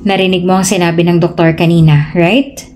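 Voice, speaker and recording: A woman voicing a caring young man who comforts a crying friend, teasing her gently in a storybook tale. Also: fairly low pitch, level tone, brisk, soft background music, lightly acted.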